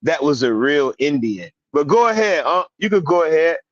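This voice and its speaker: Guy, kinda high voice, animated slangy storyteller, cusses, dull lofi audio. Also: normal speed, no room sound. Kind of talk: casual storytelling and group chat.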